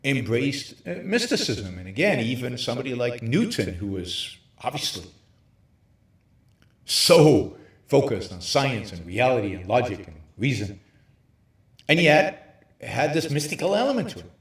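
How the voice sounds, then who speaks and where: A man hosting a livestream, lecturing emphatically from a hotel room with very high ceilings, his voice carrying a hollow cave-like echo. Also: sing-song, unhurried. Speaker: show host. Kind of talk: livestream talk on philosophy.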